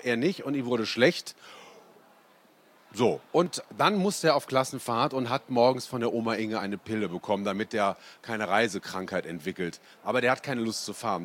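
A man with a voice of middling pitch reads a children's story aloud. He adds lively, chatty asides to his listeners between passages. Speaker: reader. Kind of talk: reading a children's book aloud.

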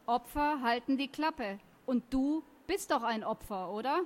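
A woman's voice: high voice, lively intonation, measured pace. Woman reading as a sneering teenage bully boy. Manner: sneering, taunting. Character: mocking teenage boy bully, scornful and cocky.

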